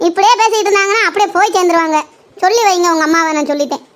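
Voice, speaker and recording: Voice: extremely high pitch, racing, fairly bright tone. A performer voicing a young daughter-in-law in a comedy skit, who speaks in a mocking, defiant way.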